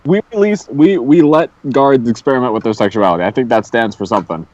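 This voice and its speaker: A man's voice: mid-range voice, lively intonation, quick pace, a little mellow, dull audio. A man playing a tabletop game, teasing and laughing along with the others. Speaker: player. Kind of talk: tabletop role-play chat.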